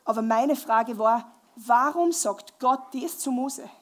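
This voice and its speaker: Woman preacher, high voice, lively live sermon with questions to the congregation. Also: slow. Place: church hall, live before a congregation.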